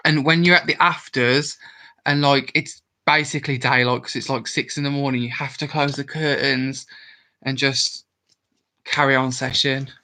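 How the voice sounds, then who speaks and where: Speaking at a normal speed with fairly even intonation, a young man from Worcestershire, England talks in a sharp, medium-pitched voice and a West Midlands accent. Drunk and rambling, he runs a casual livestream and replies aloud to viewer comments.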